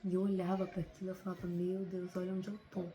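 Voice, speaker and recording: A woman's voice: fairly low pitch, monotone, quick pace, warm tone, slight background noise, rough recording. A woman with a Brazilian Portuguese accent, talking to camera in an unscripted, heartfelt motivational vlog, often adding little tag questions. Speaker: vlogger.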